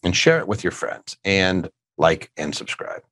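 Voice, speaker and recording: A man's voice: sits low, sing-song, unhurried, a bit bright. A middle-aged man hosting a casual tax question show, answering listener questions and cracking dad jokes. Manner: joking, rambling, dad-humor asides.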